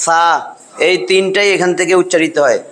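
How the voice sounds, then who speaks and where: A man's voice: high-pitched, a little fast, fairly bright tone. A man teaching a class how to read and pronounce letters, repeating each sound patiently. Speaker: Quran reading teacher. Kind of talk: classroom lesson.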